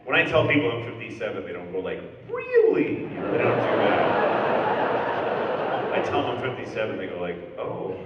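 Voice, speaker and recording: A man in his fifties doing a stand-up set, talking in a deadpan, profane, conversational way on a theater stage. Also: fairly low pitch, fairly quick, pauses often, muffled recording, very noisy. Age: 50s. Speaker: stand-up comedian. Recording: far-off echoey hall recording. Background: audience ambience.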